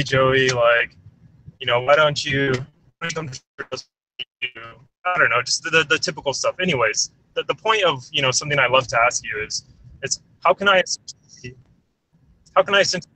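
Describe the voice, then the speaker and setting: A man's voice: mid-range voice, sharp tone, no echo. Man calling in from his car phone. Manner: rambling, halting, many restarts. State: driving while talking. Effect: phone call from a moving car. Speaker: caller. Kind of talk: call-in chat.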